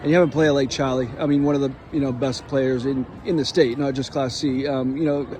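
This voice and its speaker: A man working as a reporter, asking halting questions in a postgame interview. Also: mid-range voice, steady tone, warm tone, a little hiss or hum.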